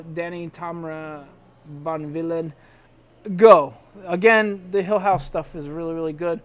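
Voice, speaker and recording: A man's voice: high-pitched, clean tone. A man hosting casual weekly comic reviews, chatty and hesitant, restarting sentences and calling out emphatic verdicts. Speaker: comic shop review show host.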